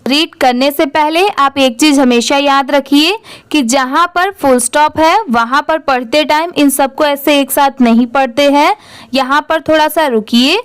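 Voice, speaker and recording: A woman's voice: high voice, measured pace. A woman teaching English reading, spelling words letter by letter, asking questions and answering them herself. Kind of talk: classroom-style phonics lesson.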